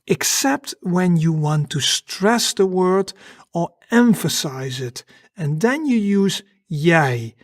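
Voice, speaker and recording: A language teacher giving a lesson, explaining step by step in a slow, patient way. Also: mid-range voice, a little mellow, no echo, studio quality.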